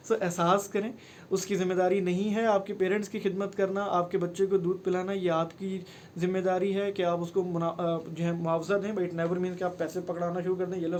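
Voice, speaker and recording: A man's voice: high-pitched, darkish tone, a little hiss or hum. A man, giving earnest, pleading advice to camera in a personal vlog and mixing in English phrases. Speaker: vlogger.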